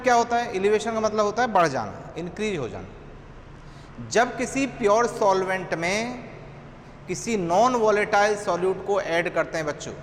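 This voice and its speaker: A middle-aged man with an Indian accent teaching chemistry, dictating notes slowly and repeating phrases word by word. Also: sits high, a bit bright. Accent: Indian English. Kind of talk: dictating a lecture. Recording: echoey room, long reverb, faint noise.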